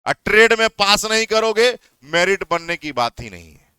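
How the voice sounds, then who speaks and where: A man's voice: high voice, very animated, normal speed, bright, forceful tone, smooth, dry recording. A young man who teaches exam coaching, giving heated, repetitive warnings to students. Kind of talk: impassioned advice talk to students.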